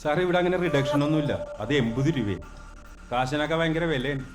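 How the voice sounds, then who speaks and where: A man's voice: on the high side, brisk, lightly acted. Smug teasing eatery owner, played by a man. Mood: mocking. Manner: mocking, sly politeness. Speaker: restaurant owner. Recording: film soundtrack with faint music.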